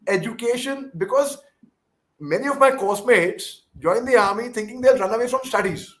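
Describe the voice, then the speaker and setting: High-pitched Indian man, deferential and emphatic. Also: fairly bright tone. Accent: Indian English. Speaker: interviewer and former army officer. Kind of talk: conversational interview.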